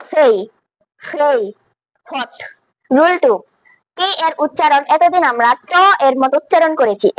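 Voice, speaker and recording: A woman's voice: sits high, no room sound. A woman with a Bangladeshi accent, a student presenting pronunciation rules she has learned, reciting them like a prepared piece. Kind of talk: presenting a class exercise.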